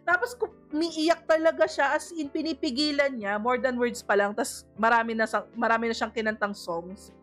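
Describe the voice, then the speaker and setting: High-voiced Filipino woman streamer chatting. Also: normal speed, fairly bright tone, soft background music. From Philippines. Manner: chatty storytelling, mixing in English, laughing often. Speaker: streamer and mother. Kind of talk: casual live-stream chat.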